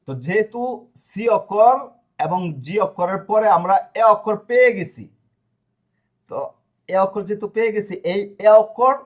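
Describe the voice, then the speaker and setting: A man teaching a grammar lesson to a class, explaining step by step and often asking if students follow. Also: high voice. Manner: explanatory, checks understanding with frequent questions; spells out verb endings slowly. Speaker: language teacher.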